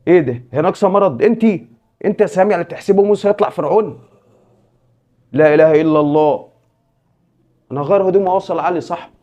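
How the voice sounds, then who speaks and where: Egyptian man, comedy sketch lead, very fast, slightly higher voice, faint music under. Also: darkish tone. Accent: Egyptian Arabic. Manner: accusing, then pleading with a friend.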